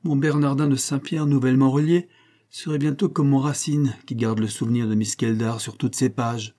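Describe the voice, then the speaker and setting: A man reading the lines of a grave, reserved former tutor in a classic novel audiobook, his delivery measured and formal. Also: mid-range voice, fairly even intonation, mellow, lightly acted. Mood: dry.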